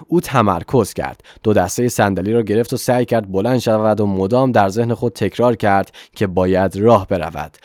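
A man's voice: on the low side, no echo. Man narrating a story, dry close sound. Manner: steady, measured storytelling. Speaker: audiobook narrator. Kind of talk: scripted narration.

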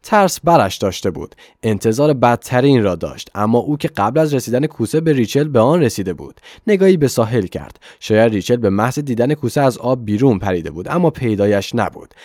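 A man's voice: mid-range voice, no echo. Man narrating a story, dry close sound. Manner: steady, measured storytelling. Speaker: audiobook narrator. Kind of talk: scripted narration.

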